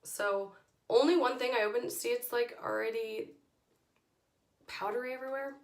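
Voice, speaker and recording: A hoarse woman with her voice nearly gone, giving a chatty, informal product review as a beauty vlogger. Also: fairly high pitch, steady tone, moderate pace. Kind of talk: casual product review to camera. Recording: echoey room.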